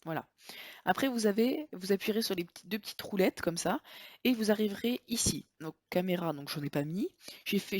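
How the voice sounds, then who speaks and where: A woman's voice: mid-range voice, darkish tone. A woman talking through a screen-recording tutorial in a casual, chatty way, often hesitating and correcting herself. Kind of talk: casual software tutorial walkthrough.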